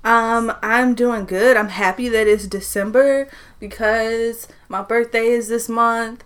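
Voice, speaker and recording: A woman's voice: on the high side, fairly even intonation, slow pace, a bit bright. A woman in her twenties co-hosting a podcast, talking casually and informally with plenty of slang. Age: 20s. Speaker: podcast co-host. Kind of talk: casual chat.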